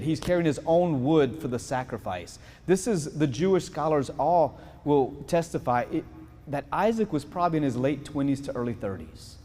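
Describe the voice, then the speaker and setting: A man's voice: fairly high pitch, darkish tone, in a large hall. A male priest preaching a homily in a conversational, storytelling way, often checking in with his listeners. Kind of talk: sermon. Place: church.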